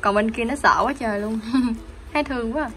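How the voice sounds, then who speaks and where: A woman pet vlogger chats casually at home to her viewers, doting on her puppies and talking baby talk to them as she narrates. Her voice is a little high, bright and forceful, a little fast, with soft music in the background.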